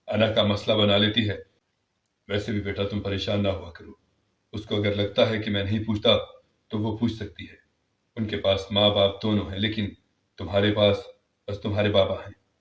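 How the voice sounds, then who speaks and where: Picture a soft-spoken, devoted father in a spoken story, as a male narrator puts him on with his voice dropped low. He pleads and reassures gently, never rushing. The sound is roomy and a little dull. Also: little pitch movement, close to an everyday voice. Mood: tender. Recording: roomy, slightly dull recording.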